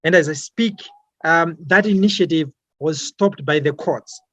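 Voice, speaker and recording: A young man from Malawi answers interview questions in a slightly high voice. He talks haltingly, full of fillers and repeated words. The sound is dry and close, with no room around it. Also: fairly bright tone, no echo. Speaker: interviewee, climate activist.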